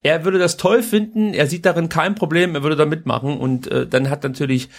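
A man's voice: on the high side, brisk. A man hosting a podcast, giving casual news commentary in an informal, colloquial way with some crude slang. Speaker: podcast host.

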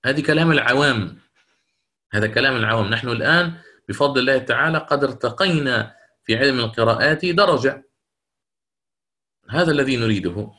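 A middle-aged man teaching recitation rules with a bright, forward tone. He explains patiently, step by step, often stopping to ask whether his students follow and to take their questions. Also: mid-range voice. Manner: explanatory, pauses to check understanding and answer questions. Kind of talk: online lecture with recited examples.

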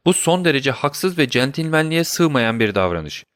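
A man's voice: on the high side, big pitch swings, moderate pace, a bit bright, clean tone, no echo, clean studio sound, voice pushed up. A man voicing a proud, emotional noblewoman in an audiobook reading, raising his voice to play her. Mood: indignant. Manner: indignant, emotional. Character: proud noblewoman, defiant then pleading.

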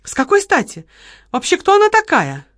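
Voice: extremely high pitch, wildly swooping pitch, a little fast, a bit bright, no echo, clean studio sound, voice pushed up, heavily acted. A narrator voicing a haughty, irritable woman who answers with indignant scorn in an audiobook. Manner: indignant, sneering. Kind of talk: audiobook character voice.

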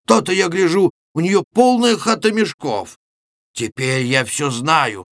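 A man reading aloud and voicing a gruff, boisterous middle-aged Cossack villager who exclaims loudly. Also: a little high, a little slow, no echo, studio quality, pitched above the performer's own voice. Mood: blustering. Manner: loud exclaiming, blustering.

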